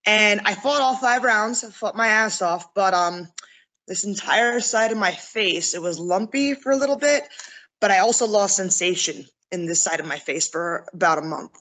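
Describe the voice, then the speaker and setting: A woman's voice: mid-range voice, moderate pace, a bit bright, low-quality recording. Chatty candid young woman. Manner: chatty and candid, laughs often, says "like" a lot. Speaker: interview guest, MMA fighter. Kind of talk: casual video interview.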